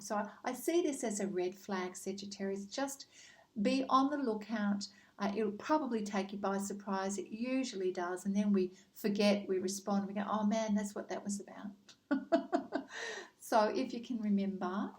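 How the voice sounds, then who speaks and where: A woman doing a casual spoken tarot card reading, gentle and reassuring, with frequent ums as she speaks straight to the listener. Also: mid-range voice, rough recording. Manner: addresses the listener directly by star sign.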